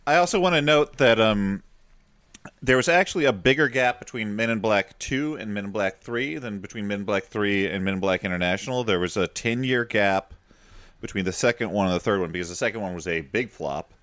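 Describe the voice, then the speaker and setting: A man's voice: on the low side, a little fast, fairly bright tone, no room sound. A man co-hosting a comedy podcast, sharing movie trivia in a casual, slightly hesitant way. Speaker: podcast co-host.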